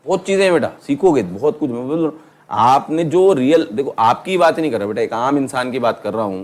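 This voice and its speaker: A middle-aged man teaching law to a class, lively and teasing, calling his students "beta" and asking them questions. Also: medium pitch, brisk. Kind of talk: classroom lecture.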